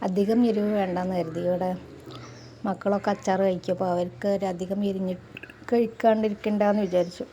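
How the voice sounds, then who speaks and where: A middle-aged woman chats through a home cooking voice-over, often dropping in friendly tag words. Her voice is mellow and stays fairly level in pitch, with a faint hiss of noise underneath. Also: flat delivery, fairly quick. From Malappuram, Kerala. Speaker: cooking channel host.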